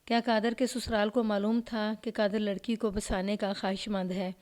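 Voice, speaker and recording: A woman's voice: mid-range voice, little pitch movement, a little mellow. Woman reading a crime story aloud. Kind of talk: scripted story narration.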